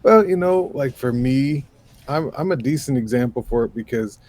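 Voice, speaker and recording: This is a musician guest, a man in his thirties from New York State, talking in a laid-back interview. His low, gravelly voice moves at a normal speed, and he is animated and rambling, full of fillers.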